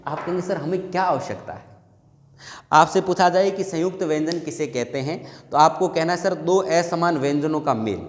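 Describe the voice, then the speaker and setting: A man's voice: a little high, normal speed. A male Hindi teacher giving an exam-prep grammar lesson. He asks the students questions, answers them himself, and repeats the key points. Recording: echoey room with long reverb.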